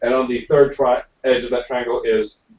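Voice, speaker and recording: A man's voice: medium pitch, level tone, moderate pace, a little mellow. Hesitant male dungeon master. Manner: hesitant, thinking aloud with many fillers. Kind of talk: narrating a tabletop game. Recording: roomy, distant, dull amateur recording.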